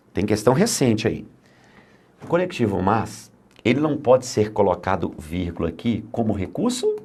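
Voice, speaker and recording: A man's voice: on the low side, a little mellow, slightly rough. A man teaching grammar for exam prep, emphatic and fond of asking and answering his own questions.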